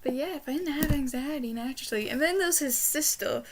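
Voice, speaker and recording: This high-pitched young woman talks fairly quickly over some background noise while reviewing books in a rambling, casual vlog. She's in a small indoor bedroom and has trouble with her R's, pronouncing them like W's.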